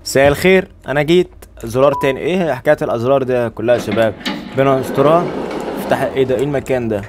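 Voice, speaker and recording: A man's voice: medium pitch, racing, noisy background. A young man with an Egyptian Arabic accent doing joking, chatty let's play commentary, constantly talking to his viewers. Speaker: gaming YouTuber. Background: game music.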